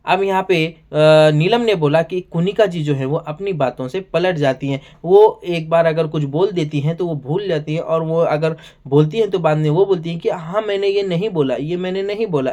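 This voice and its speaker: A man's voice: on the high side, a little mellow. A man casually recapping and commenting on a reality show episode, chatty and full of filler words. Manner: chatty, keeps saying "bhai" and "yahan pe". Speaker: show reviewer.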